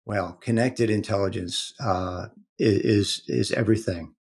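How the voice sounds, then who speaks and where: A man speaking as a guest in an interview, explaining in an earnest, halting way with many repeated words. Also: on the low side, a little mellow, breathy edge. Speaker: protective intelligence executive, guest. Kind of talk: conversational interview talk.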